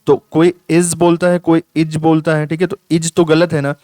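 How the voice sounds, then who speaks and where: A man tutoring for an exam in a casual lecture, explaining step by step, reading each question out slowly. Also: on the high side, level tone, dark tone, no room sound. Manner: explains step by step, repeats "ठीक है" often; reads English questions out slowly.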